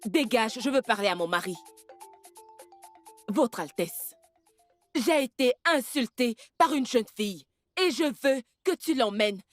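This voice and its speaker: A woman's voice: a little high, lively intonation, measured pace, pauses often, faint music behind. A haughty vengeful queen. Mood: furious. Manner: haughty, venomous. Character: haughty vengeful queen, middle-aged wife. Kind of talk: French dub of a film.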